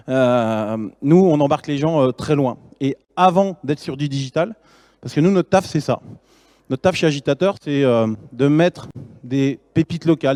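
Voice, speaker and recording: A man's voice: on the high side, warm tone, dry recording. Casual, slangy man giving a talk. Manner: informal, slangy, enthusiastic, with frequent fillers. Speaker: startup founder giving a talk.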